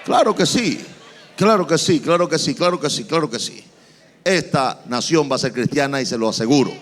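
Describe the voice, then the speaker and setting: A male pastor with a Venezuelan accent preaching a dramatic, animated sermon in a large church. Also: a little high, normal speed, slight background noise. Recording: long church-hall reverb, faint music.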